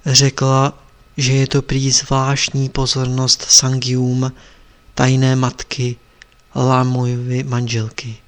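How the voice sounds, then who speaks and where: A man reads an adventure story aloud at a calm, measured pace. His voice sits at a middle pitch, unhurried and steady. He delivers it as scripted audiobook narration.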